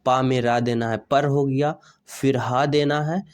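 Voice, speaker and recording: A man's voice: mid-range voice, fairly even intonation, unhurried. A man teaching an exam-prep grammar lesson, often asking his students questions and repeating the answers back. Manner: repeats questions to students, checks "samajh rahe ho?".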